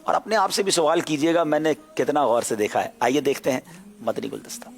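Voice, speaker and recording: A man's voice: on the high side, expressive, creaky. A man hosting a religious TV quiz show, politely explaining things step by step and addressing viewers directly.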